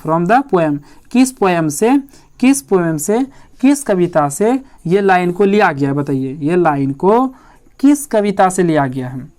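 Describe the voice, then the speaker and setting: A man with a high-pitched, clean voice teaches an exam-prep lesson in Hindi, repeating every point and posing questions that he answers himself. When he reaches the English lines, he reads them slowly, word by word.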